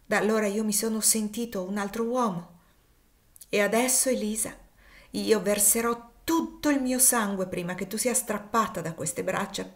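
A woman's voice: mid-range voice, normal speed, lightly acted. A woman reading the part of an impassioned young male fugitive, grieving and defiant, with rising, emphatic outbursts in an audiobook.

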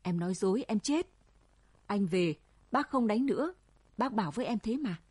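A woman reading a storybook voices a gentle young village man coaxing a frightened friend home, with a husky voice. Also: mid-range voice, lively intonation, moderate pace, no room sound. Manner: soft pleading reasoning.

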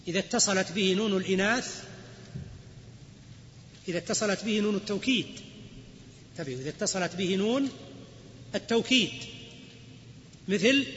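A high-voiced man gives a grammar lecture in a large hall. He explains each rule and then quizzes his students. The recording is dull and lo-fi, with long reverb and a faint hiss. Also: fairly bright tone. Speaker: Islamic scholar teaching grammar. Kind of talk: classroom lecture.

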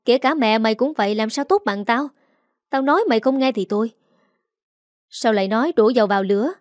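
A woman voicing a sharp-tongued stepmother in her forties in a storybook reading, nagging and scornful. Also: fairly high pitch, fairly quick, no echo, clean studio sound, lightly acted. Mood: scolding. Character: scolding middle-aged stepmother, sharp-tongued.

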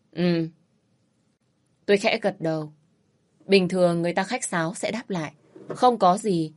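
Narrator: woman, first-person storytelling, steady and reflective. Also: on the low side.

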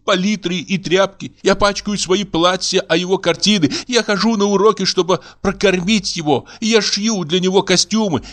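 A man voicing a young German wife, crying and pleading in a high, shrill voice. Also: a bit bright.

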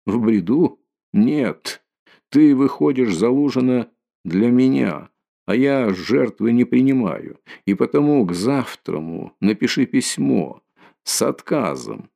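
A man's voice: medium pitch, animated, slow pace, gravelly, dark tone, voice pushed up. A man voicing a feverish, irritable young man. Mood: strained insistence.

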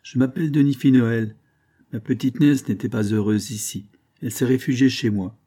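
A man voicing a blunt, ironic old bearded peasant, speaking gruffly and plainly in an audiobook. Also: mid-range voice, fairly even intonation, moderate pace, dark tone, close to an everyday voice. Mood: stern.

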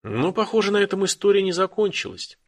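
A man narrating an audiobook in a steady storytelling manner. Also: high-pitched, quick pace. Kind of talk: scripted narration.

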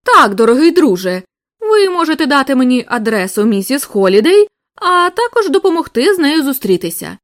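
A woman's voice: sits high, very animated, normal speed. A woman reading the lines of a precise, grave male foreign detective in an audiobook, in a formal, lecturing way.

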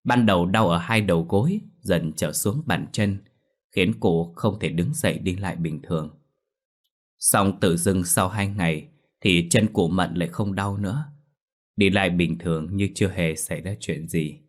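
A man narrating a dramatic story in a steady, measured way. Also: low-pitched.

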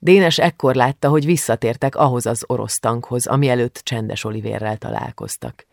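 A man reading an audiobook in a grave, measured way, close on a studio mic. His voice has a gravelly fry to it. The sound is dry, with no room echo. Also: mid-range voice, lively intonation. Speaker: audiobook narrator. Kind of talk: audiobook narration.

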